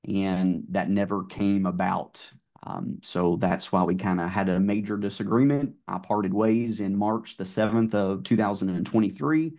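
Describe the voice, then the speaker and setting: A middle-aged man with a Southern drawl speaks in a fairly low voice. He talks in a relaxed, storytelling way, with plenty of ums and you-knows. It sounds like a casual podcast conversation. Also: moderate pace, dull audio. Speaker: guest, car sales manager.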